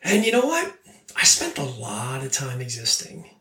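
A man in his late forties hosting a podcast, giving an energetic motivational monologue and repeating key phrases for emphasis. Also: mid-range voice, moderate pace, distant mic. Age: 40s. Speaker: podcast host. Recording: echoey room, voice off-mic.

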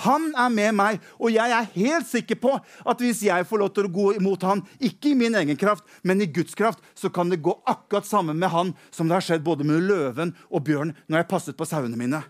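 A man's voice: sits high, hardly any pauses, close to an everyday voice. A man voicing a bold, eager young shepherd boy, urging and stammering with repeated words. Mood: confident.

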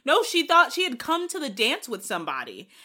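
A woman's voice: sits high, huge pitch swings, fairly quick, bright, forceful tone. A woman co-hosting a casual movie chat, retelling scenes and laughing often. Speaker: podcast co-host.

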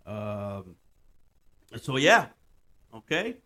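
A man's voice: medium pitch, big pitch swings, very slow, bright, forceful tone. A man hosting a casual solo podcast in loose, slangy talk, repeating phrases for emphasis and swearing freely. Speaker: podcast host.

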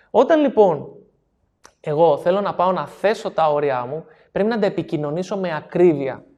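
A man's voice: on the high side, mellow. Man, coach, seminar talk, explanatory, repeats key phrases, checks in with listeners. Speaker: NLP coach.

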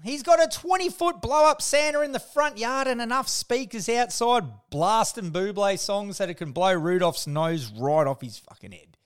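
A man's voice: high voice, lively intonation, normal speed, few pauses, clear, resonant tone. An Australian man hosting a casual comedic podcast with slangy, sweary, blokey tradesman banter. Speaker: podcast host.

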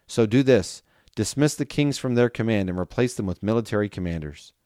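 A man reading the lines of scheming male royal advisors in a brisk, persuasive way. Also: fairly low pitch, lively intonation, mellow, no echo, clean studio sound, natural voice.

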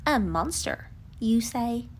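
A woman voicing a brisk, take-charge rabbit with a decisive manner. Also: on the high side, expressive.

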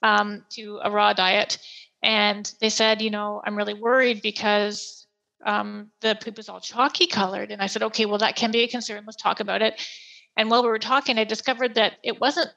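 A woman's voice: mid-range voice, little pitch movement, moderate pace, gravelly, pushed and bright, muffled recording. A woman hosting a podcast, explaining in a chatty, plain-spoken way as a pet store expert. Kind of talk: casual explanatory podcast chat.

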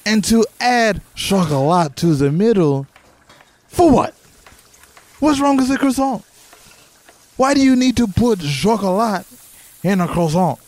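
A man's voice: high-pitched, very animated, a little slow, pauses often, darkish tone, no room sound. A man voicing a pompous male French pastry chef in a put-on French accent, in an improvised comedy sketch. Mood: haughty. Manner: haughty, indignant.

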